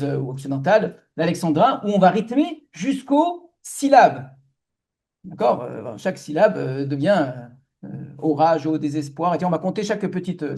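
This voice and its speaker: A man's voice: fairly high pitch, warm tone. A man, a rabbi lecturing an audience, explaining step by step with many hesitations, restarts and rhetorical questions.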